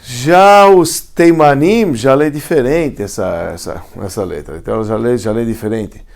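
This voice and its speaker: A man's voice: mid-range voice, a little slow, vocal fry, darkish tone. A man, a rabbi teaching Hebrew letters in a class, explaining step by step and often asking if students follow. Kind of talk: classroom lecture.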